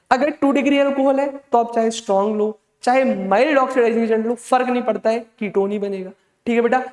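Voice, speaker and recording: A man teaching chemistry in an online exam-prep lecture, fatherly and motivating, drilling key points over and over. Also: extremely high pitch. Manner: fatherly, motivating, calls students "beta". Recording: echoey room with long reverb.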